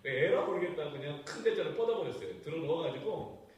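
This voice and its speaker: A man preaching a sermon as pastor, telling a personal story with sudden swings between loud outbursts and hushed asides. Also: on the high side, expressive, quick pace, slight background noise. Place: church sanctuary. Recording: echoey church hall, voice from far off.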